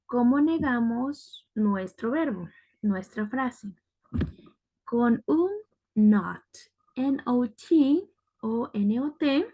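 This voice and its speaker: Woman teacher explaining grammar step by step, slow, keeps checking "ok?". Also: a little high, darkish tone. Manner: patient, repeats "ok" to check understanding. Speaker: English teacher. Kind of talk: classroom lesson.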